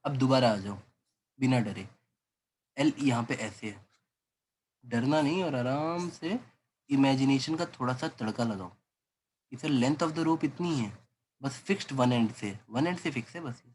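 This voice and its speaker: A man lectures on physics in a mid-range, darkish voice, moving a little slowly with long pauses, and there's slight background noise. He coaxes the students, voices their doubts as questions, and calls the listener "beta."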